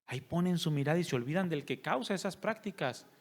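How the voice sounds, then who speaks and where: A man's voice: a little high, animated, fast. A male pastor, preaching a sermon and putting rhetorical questions to his congregation. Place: church service.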